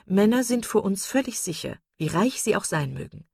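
A woman reading the part of a calm, good-humored middle-aged mother. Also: medium pitch, moderate pace, gravelly, slightly rough, no echo, clean studio sound, pitched above the performer's own voice, exaggerated voice. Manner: calm, courteous.

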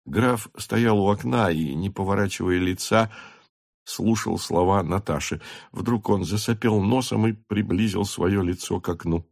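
A man narrating a classic novel aloud in a measured, expressive reading. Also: low voice, gravelly, dry recording, studio quality. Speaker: audiobook narrator. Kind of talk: scripted narration.

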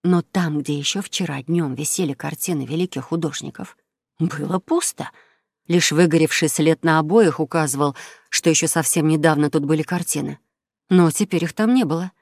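A woman's voice: low voice, normal speed, vocal fry, no room sound. Woman telling a children's story, close and dry. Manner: lively storytelling, voicing each character. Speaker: narrator. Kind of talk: children's audiobook narration.

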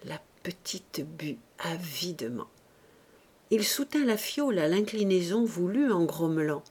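A woman narrating a classic novel in a measured, expressive reading style. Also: lowish voice, breathy edge. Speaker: audiobook narrator. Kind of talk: scripted literary narration.

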